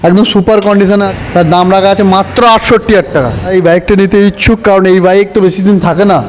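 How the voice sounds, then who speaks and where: A man with a West Bengal Bengali accent giving an unscripted used-bike sales pitch, with insistent, repetitive patter that pushes bargains. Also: fairly even intonation, fast talker. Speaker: used motorbike dealer presenting his stock. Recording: some background noise.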